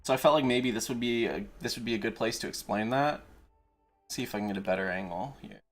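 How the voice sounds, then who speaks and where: A man's voice: medium pitch, fast talker. A man chatting casually on a livestream as an enthusiastic fan, swearing now and then. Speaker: streamer, video creator. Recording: music playing behind the voice. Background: background music.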